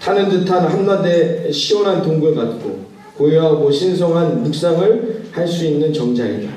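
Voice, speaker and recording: A male pastor preaching a sermon, pausing often and putting questions to his congregation. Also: on the high side, lively intonation, dark tone. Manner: measured, with frequent "uh" pauses. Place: church sanctuary. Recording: very echoey church hall, mic at a distance.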